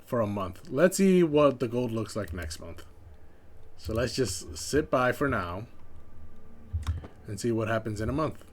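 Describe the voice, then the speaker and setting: A man's voice: medium pitch, expressive, measured pace, long pauses, a little hiss or hum. A man streaming a strategy game live, thinking aloud and second-guessing his choices in a casual way.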